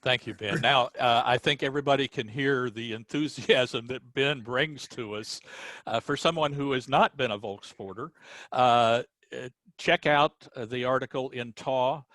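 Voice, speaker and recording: A man on a board of directors answering questions in an online webinar, explaining things in a measured way with frequent hesitant pauses over a video call. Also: mid-range voice, fairly bright tone, no room sound. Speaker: board member.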